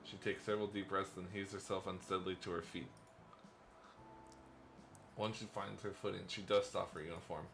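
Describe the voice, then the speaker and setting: A man's voice: low voice, little pitch movement, moderate pace, gravelly, pauses often, fairly bright tone, a little hiss or hum. A man hosting a let's play, reading a visual novel's first-person narration aloud with playful asides and chuckles.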